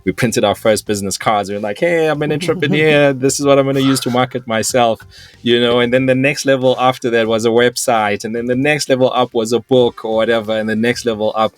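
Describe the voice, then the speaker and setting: A man's voice: medium pitch, fairly even intonation, a little fast, no room sound, soft background music. A man hosting a business podcast, asking long, rambling questions with many restarts. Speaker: podcast host. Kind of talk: casual interview talk.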